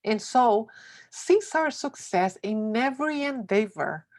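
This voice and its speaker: Here a woman gives an expressive reading of a motivational essay on success. Her pace is slow, her stress is heavy, and her pitch ranges broadly.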